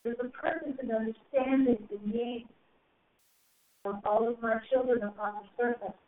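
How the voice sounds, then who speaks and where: Heard through a phone call on a tinny line, a woman with a fairly high, steady-toned voice delivers a channeled spiritual message to a group. She speaks in slow, solemn, drawn-out phrases that rise and swell.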